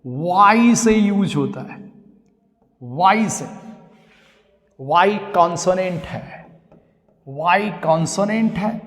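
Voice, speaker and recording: A man teaching an English grammar lesson to a class, explaining step by step, repeating key words and checking with his students. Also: high voice. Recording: long reverb of a hall.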